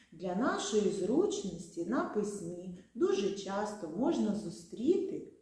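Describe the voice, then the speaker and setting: Woman, kindergarten teacher from Ukraine, lively melodic delivery, warm low-key tone. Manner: slow, sing-song, stressing syllables. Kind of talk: children's lesson. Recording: very echoey room.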